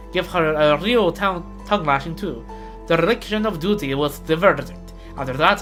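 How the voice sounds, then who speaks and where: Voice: mid-range voice, natural voice. Gamer putting on a Russian-accented, R-rolling weary camp diarist. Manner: rolled R's. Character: weary, grumbling military camp diarist reading aloud. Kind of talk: theatrical diary read-aloud.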